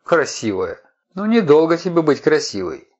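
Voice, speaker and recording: A man's voice: on the high side, sing-song, normal speed, darkish tone, voice pushed up. A man voicing a fierce, jealous young woman who leads desert raiders, hissing and snarling her lines in a storybook reading. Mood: furious. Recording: dull lo-fi recording.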